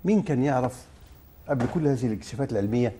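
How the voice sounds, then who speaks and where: A man's voice: mid-range voice, lively intonation, racing, dark tone, slight background noise. A man with an Egyptian accent, a scientist guest on a TV talk show, explaining step by step and speaking directly to viewers. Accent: Egyptian Arabic.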